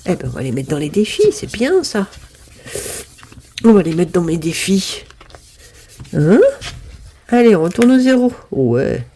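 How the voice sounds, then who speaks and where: Woman in her 50s, home budgeting vlogger: low, warm tone, chatty counting aloud, faint hiss. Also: very animated, unhurried, pauses often. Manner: chatty, counts aloud, frequent apologies and exclamations. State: sniffling from pollen. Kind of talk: casual chat.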